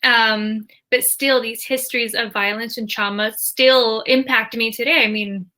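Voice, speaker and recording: Bright-voiced young American woman. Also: fairly high pitch, fairly even intonation, unhurried. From United States. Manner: reflective, with frequent fillers. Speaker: panel guest. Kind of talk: casual discussion.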